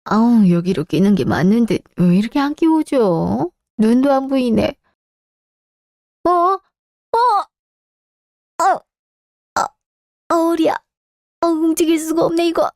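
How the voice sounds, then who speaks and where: A woman's voice: on the high side, very animated, slow pace, pauses often, darkish tone, no echo, studio quality, heavily acted. A woman voicing a hurt, aging mother and grandmother in a Korean radio drama, sighing and plaintive. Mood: complaining.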